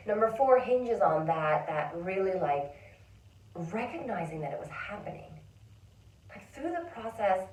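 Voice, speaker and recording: A woman's voice: on the low side, a little mellow. A woman in a reflective casual monologue, chatty and emotional, full of fillers and whispered inner thoughts. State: tearful at times. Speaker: vlogger and songwriter. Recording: roomy sound from a distance.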